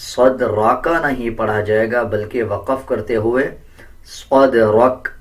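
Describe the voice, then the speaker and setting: A man teaching Quran recitation step by step in a patient, deliberate way, correcting common mistakes. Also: medium pitch, distant mic. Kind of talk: step-by-step pronunciation lesson.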